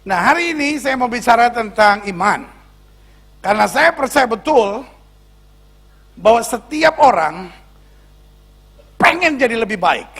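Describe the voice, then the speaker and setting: High-voiced, joking pastor preaching. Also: male voice, sing-song, measured pace, pauses often, fairly bright tone, slightly rough. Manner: joking, teasing the congregation. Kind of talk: sermon. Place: church before a congregation.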